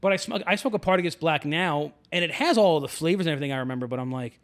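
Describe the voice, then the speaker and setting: A man's voice: a little high, rapid-fire. A man hosting a podcast, talking casually and loosely with a lot of fillers and restarts. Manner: relaxed, chatty, many fillers and restarts. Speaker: podcast host. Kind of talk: casual conversation.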